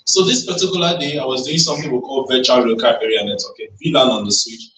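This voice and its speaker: A man's voice: medium pitch, fast, fairly bright tone, slight background noise. A man giving an emphatic, rallying motivational talk at a tech event, drawing the audience in with call-and-response questions. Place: event hall. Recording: roomy hall, voice from far off.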